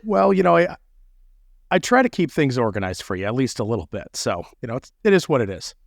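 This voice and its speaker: Brief: male podcast host, playful, lively pitch, dry close recording. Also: brisk, creaky, dry recording. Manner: playful, joking. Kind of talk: casual podcast chat.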